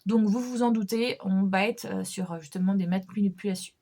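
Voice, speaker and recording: A woman's voice: medium pitch, normal speed, mellow. A young woman vlogging casually about her reading list, chatty, with frequent fillers, restarts and small laughs. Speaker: book vlogger. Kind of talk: casual chat about books.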